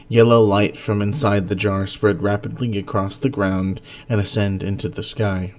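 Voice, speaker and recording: This male host narrates stories, reading them earnestly and dramatically, then chatting casually about them. His voice sits lowish and comes across a little mellow.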